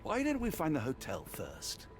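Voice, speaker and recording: An actor with a British accent playing a loyal, cautious doctor companion, earnest and easily flustered, his pitch swinging widely, with game music behind. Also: wildly swooping pitch, moderate pace. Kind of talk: video game voice acting.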